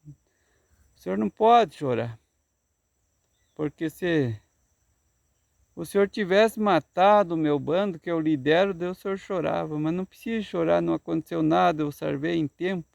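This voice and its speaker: An older man voicing a wise talking male parrot who leads a flock, shrill and chattering in a storyteller's tale. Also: moderate pace, vocal fry, pauses often, darkish tone, dry recording, studio quality. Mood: consoling.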